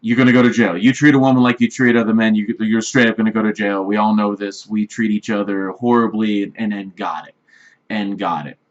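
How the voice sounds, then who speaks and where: A man's voice: fairly low pitch, fairly even intonation, a little fast. A man giving blunt, repetitive dating advice straight to the camera, often checking in with "right?". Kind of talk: direct-address advice vlog. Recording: slightly dull lo-fi recording.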